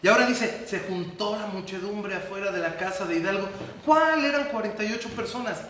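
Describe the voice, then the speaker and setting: A Mexican man with a high, bright voice leads a loose podcast chat, spinning history stories in slangy, irreverent fashion. His voice rings off the walls of a very echoey room. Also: fairly quick, a little hiss or hum. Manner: animated storytelling, slangy and irreverent. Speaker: podcast host and storyteller. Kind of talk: casual group chat.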